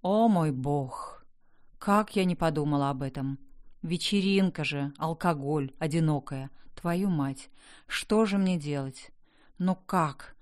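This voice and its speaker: A woman narrates a first-person audiobook with wry, conversational storytelling. Her voice is low-pitched and a little mellow, and she reads a little slowly from the script.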